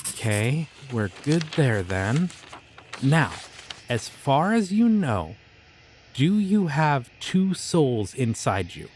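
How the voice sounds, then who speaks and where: Taking his time, a voice actor with a mid-range, very animated voice plays a creepy but friendly young occult shopkeeper in an audio roleplay. He talks about dark rituals casually and easygoingly, over a faint hiss or hum.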